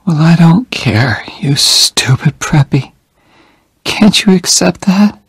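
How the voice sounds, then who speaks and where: A man voicing a frail, dying young woman who is tender and stubborn, in a breathy high whisper. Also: expressive, takes it slowly, a bit bright, no echo, full character voice. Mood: fierce.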